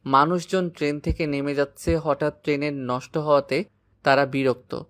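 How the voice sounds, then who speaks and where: A man's voice: a little high, steady tone, moderate pace, fairly bright tone. A man narrating a dramatic first-person audio story, anxious and despairing.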